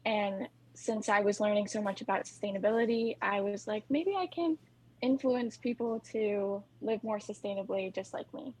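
A woman's voice: medium pitch, normal speed, slight background noise, poor audio. A woman answering as a podcast guest in a casual way, often using "like". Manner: casual, uses "like" and restarts. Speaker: guest, environmental activist.

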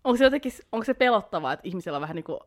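A young woman reflects on her own experiences in relaxed podcast chat. She speaks at a middling pitch, with plenty of soft filler words. Now and then she drops in an English phrase. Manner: reflective, many fillers like niinku and tiiäksä. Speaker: podcast co-host.

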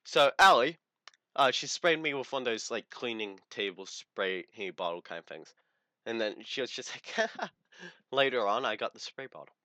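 A man's voice: mid-range voice, very animated, moderate pace, sharp tone, no room sound. A young man co-hosting a casual chat show, brash and crude, laughing often as he tells stories. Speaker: podcast co-host.

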